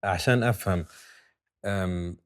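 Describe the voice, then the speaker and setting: A man's voice: sits low, a little slow. A man hosting an interview, asking short probing questions and giving brief acknowledgments. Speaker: interview host.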